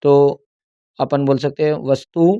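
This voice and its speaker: A young adult male teacher, walking through an exam paper and repeating key answers slowly as if dictating. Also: mid-range voice, flat delivery, warm tone, clear, resonant tone, muffled recording.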